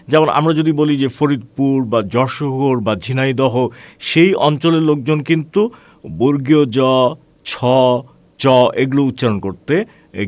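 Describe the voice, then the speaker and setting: Lively-voiced male teacher lecturing students. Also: mid-range voice, no echo. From Bangladesh. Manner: addresses students as friends, asks rhetorical questions; measured explaining with frequent hesitations. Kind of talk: online class lecture.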